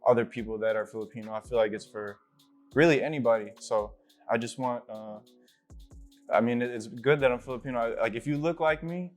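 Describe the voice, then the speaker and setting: A young man from Illinois, a rapper guest in a casual interview, slightly out of breath and relaxed, with many fillers. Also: mid-range voice, brisk, soft background music. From Illinois, USA.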